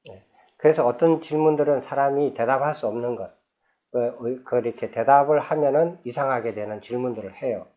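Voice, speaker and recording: A Buddhist monk lectures on a sutra in a man's voice of ordinary pitch. He moves between reading scripture aloud and talking it through casually. Along the way he keeps asking his listeners questions. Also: a little fast, warm tone, muffled recording. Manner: conversational, asks the audience rhetorical questions; reads scripture passages aloud, then explains them in plain speech.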